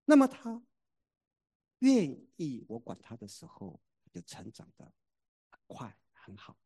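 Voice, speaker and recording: A middle-aged father giving a sermon-style testimony about his family, telling it in an animated way that swings between loud and soft. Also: on the high side, measured pace, breathy edge, no room sound, clean studio sound.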